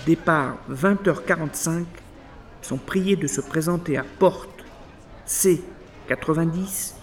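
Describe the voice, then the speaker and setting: A man's voice: fairly high pitch, slow pace. A man reading scripted airport announcements in a formal, segmented, phrase-by-phrase delivery.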